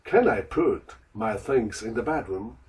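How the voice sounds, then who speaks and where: A man voicing repeat-after-me lesson drills, slow and careful, with lively intonation. He sounds set back from the microphone. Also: lowish voice, distant mic, low-quality recording. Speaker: lesson model voice repeating lines.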